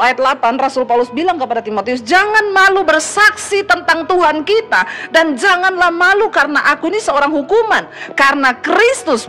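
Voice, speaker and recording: A middle-aged woman pastor preaching a sermon, emphatic, swinging between loud exhortation and hushed asides, and acting out the people she quotes in a raised voice. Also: sits high.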